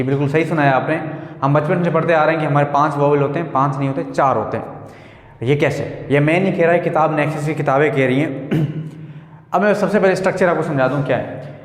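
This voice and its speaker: A man's voice: on the high side, fairly quick. Man teaching in an echoey room. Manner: explains step by step, repeats words and asks the listener questions. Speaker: English teacher. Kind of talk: explaining a grammar lesson. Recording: echoey room with long reverb.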